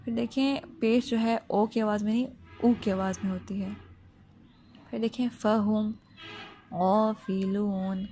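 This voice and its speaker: A woman's voice: a little high, steady tone, warm tone, slight background noise. A woman teaching tajweed. She explains pronunciation patiently, step by step, and often checks that the listener follows. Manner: slow drawn-out recitation, then plain step-by-step explaining. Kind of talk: Quran recitation lesson.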